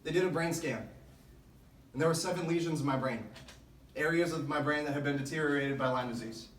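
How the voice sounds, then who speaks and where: A man with a slightly high voice delivers a motivational speech to a sports team. He tells his story earnestly and deliberately, stressing key phrases. The sound is very roomy, with the microphone some distance away. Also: a bit bright, a little hiss or hum. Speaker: motivational speaker. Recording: echoey room, distant microphone.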